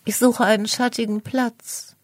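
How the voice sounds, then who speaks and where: A woman's voice: flat delivery, a little slow, no room sound, clean studio sound. A woman doing Anne, a timid little ladybug girl. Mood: timid, pleading. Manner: high, small and anxious.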